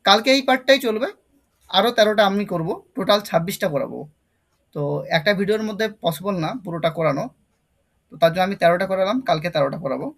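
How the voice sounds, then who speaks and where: High-voiced man teaching with a Bengali accent. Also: lively intonation, fast talker, vocal fry, a bit bright. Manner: repeats key terms, quizzes students. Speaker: English teacher. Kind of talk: online exam-prep lesson.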